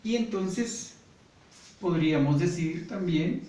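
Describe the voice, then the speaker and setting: A man with a Guatemalan Spanish accent teaching a grammar lesson slowly and patiently, often checking in with "¿verdad?". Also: high voice, dark tone. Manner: patient, repeats points, often asks "¿verdad?". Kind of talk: slow classroom grammar lesson. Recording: echoey room, voice from far off, faint noise.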